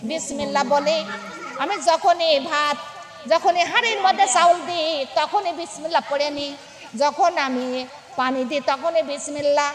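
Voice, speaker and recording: A woman's voice: high-pitched, moderate pace, close to an everyday voice. A woman voicing a pious young wife in a religious story, speaking in an earnest, pleading way. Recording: echoey hall reverb.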